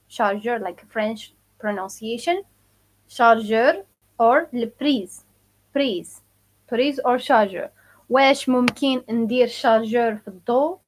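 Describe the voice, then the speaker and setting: Lady doing a live language lesson, kinda high voice, says words over and over for viewers. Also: a little mellow. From Morocco. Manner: casual, repeats phrases slowly for learners; answers viewer questions. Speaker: Moroccan Arabic teacher.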